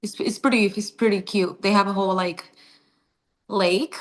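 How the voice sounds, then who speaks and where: A young woman from Cuba, a pageant titleholder, answering relaxed and friendly in a casual video-call interview. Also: medium pitch, moderate pace. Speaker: guest, beauty pageant titleholder.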